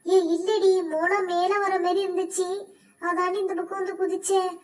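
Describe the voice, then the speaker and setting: A woman's voice: very high-pitched, level tone, moderate pace. A woman doing a pleading doll girl, Anu. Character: stuck young female doll pleading for help.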